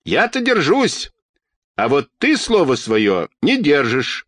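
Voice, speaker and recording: A man voicing a spry, stubborn old woman in a storybook reading, speaking in a high, dignified, scolding way. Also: huge pitch swings, slow, a bit bright, no room sound, exaggerated voice. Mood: calm.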